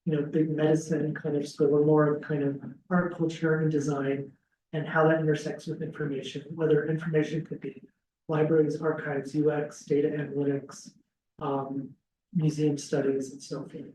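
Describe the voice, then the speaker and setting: In a classroom with an audience, also streamed by video call, a school dean briefs prospective students in a relaxed way, stumbling into ums and restarts. His voice is a little high and his pace normal. The webcam sits some distance away, so the audio is roomy and distant with slight background noise.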